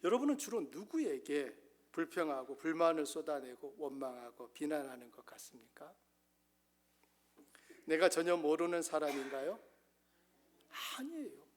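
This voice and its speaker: A man preaching a Sunday sermon as pastor, earnest, swinging between emphatic rises and soft low asides. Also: big pitch swings, moderate pace, pauses often, a little hiss or hum.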